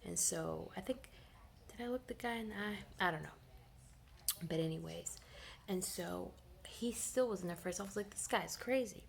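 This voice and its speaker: A woman's voice: moderate pace, gravelly, pauses often. A young woman in her twenties telling a personal story in a casual, rambling way, often dropping into a whisper and filling gaps with "you know". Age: 20s. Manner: animated, rambling, frequent fillers like "you know"; drops often into a low whisper. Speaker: vlogger.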